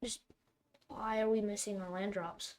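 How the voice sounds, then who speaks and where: A woman's voice: medium pitch, fairly even intonation, unhurried, darkish tone. Exasperated woman narrating her card game. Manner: talks to herself, exasperated outbursts over bad luck. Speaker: streamer playing a card game. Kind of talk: live gameplay commentary.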